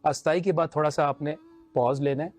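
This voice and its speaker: A man's voice: fairly high pitch, steady tone, brisk, darkish tone. A man with a Pakistani Urdu accent, judging a naat competition and explaining his points with homely examples and mild humor. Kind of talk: judge's critique.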